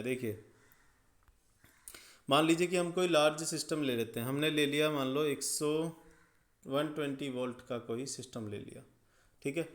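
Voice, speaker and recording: A man explaining electrical circuits step by step as a tutor, checking often that the listener follows. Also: medium pitch. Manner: step-by-step, checks understanding with "ठीक है". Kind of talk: explaining circuits at a drawing board.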